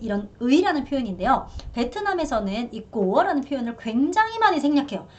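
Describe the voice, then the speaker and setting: A woman with a fairly high, very animated voice teaches a beginner's language lesson. She drills each word slowly several times and laughs at her own small slips. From Korea. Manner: lively, drills words in slow repetition.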